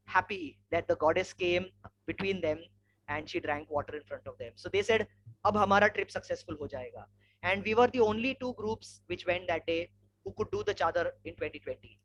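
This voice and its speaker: A man with a polished, educated Indian accent and a fairly high voice talks through a slide presentation. He moves conversationally from point to anecdote. The webinar audio carries clear noise and a hum. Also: muffled recording. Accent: educated Indian English. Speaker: webinar speaker, environmental educator and trek leader. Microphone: online webinar microphone.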